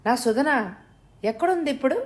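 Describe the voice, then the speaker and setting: Panicked mother, shrill and pleading, in a suspense audio drama; voiced by a woman storyteller. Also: moderate pace, darkish tone, natural voice. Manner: anxious, high and pleading. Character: frightened mother pleading for her daughter.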